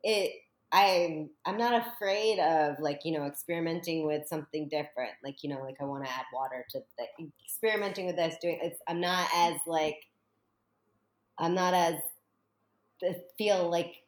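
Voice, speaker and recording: A woman guest who owns a small business, talking casually and animatedly, slipping into little acted-out quotes. Her voice sits a bit low and carries a roomy echo. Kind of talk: casual conversational interview.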